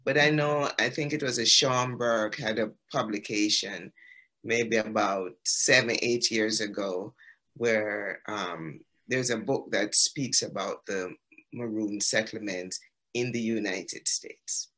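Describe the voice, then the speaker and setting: A man from the Caribbean speaks as an exhibiting artist in an online gallery talk. His voice is bright and forward, and he explains things in a loose, storytelling way, pausing on ums. The sound comes through a video call. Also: lowish voice.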